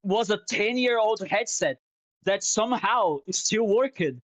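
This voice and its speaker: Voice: mid-range voice, animated, unhurried, dry recording. A streamer chatting casually while drawing, rambling and swearing, openly sentimental, on a headset mic.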